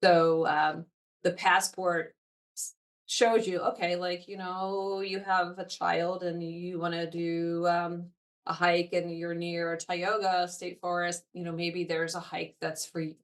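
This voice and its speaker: A woman's voice: fairly low pitch, level tone, slow pace. A woman chatting about outdoor trips in a digressive, conversational way. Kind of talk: casual conversation. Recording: voice slightly distant from mic.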